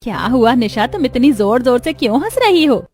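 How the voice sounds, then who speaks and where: Stern caring middle-aged mom-in-law, voiced by a woman, fairly high, cartoon. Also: big pitch swings, moderate pace, a little mellow. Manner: scolding yet caring. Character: kind firm middle-aged mother-in-law.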